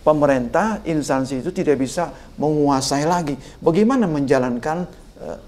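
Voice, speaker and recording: Older man, emphatic, animated, guest expert, podcast interview. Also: fairly high pitch, normal speed. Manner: emphatic, animated, sprinkles "Pak" often. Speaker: guest political communication expert.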